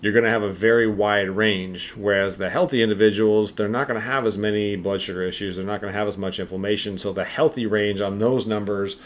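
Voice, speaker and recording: A man's voice: lowish voice, steady tone, a little fast, hardly any pauses. A man co-hosting a health podcast, explaining in a rambling, casual way with lots of fillers. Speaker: podcast co-host.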